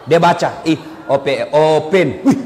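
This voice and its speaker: High-voiced animated preacher in hall. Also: male voice, slow pace, a little hiss or hum. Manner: animated storytelling, acts out villagers with shouts. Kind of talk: comic sermon to a live audience. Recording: hall echo from far off, faint ambience.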